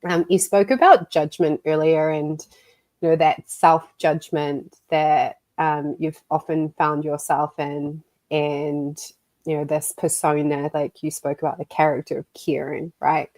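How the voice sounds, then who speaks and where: A woman's voice: low-pitched, flat delivery, a little slow, darkish tone, dry recording. A young woman from New Zealand co-hosting a podcast, chatty and relating, full of likes and you-knows. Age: young adult. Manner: chatty, relating, many fillers. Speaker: podcast co-host. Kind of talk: casual podcast interview.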